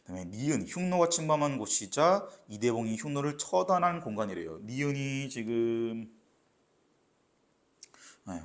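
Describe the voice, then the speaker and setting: A man teaching literature for exams, explaining step by step and often checking with "right?". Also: mid-range voice. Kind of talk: exam lecture.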